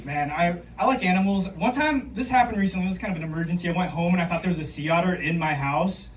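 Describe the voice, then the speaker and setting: A male stand-up comedian delivers dry, deadpan one-liners in a slightly high, understated voice. He sounds distant from the mic in a comedy club, with loud noise and crowd laughter around him. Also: quick pace. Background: audience laughter.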